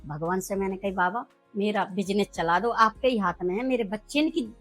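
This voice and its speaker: A woman's voice: mid-range voice, moderate pace, fairly bright tone, no room sound, faint music behind, low-quality recording. A middle-aged woman street food vendor telling her story earnestly in an interview, acting out the dialogue. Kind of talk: emotional personal interview.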